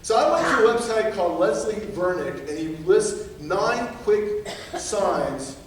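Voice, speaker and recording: A high-voiced man preaches a sermon with lively energy, slipping into funny voices to act out quotes and laughing along the way. He sounds distant from the mic, and his voice rings through a very echoey church sanctuary with a faint hum behind it. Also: a little slow. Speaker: pastor.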